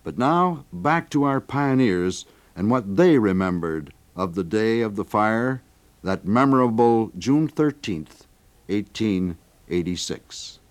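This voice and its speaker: A man's voice: lowish voice, lively intonation, takes it slowly. A man narrating a dramatic historical account as a documentary narrator, reading with rising intensity at vivid moments.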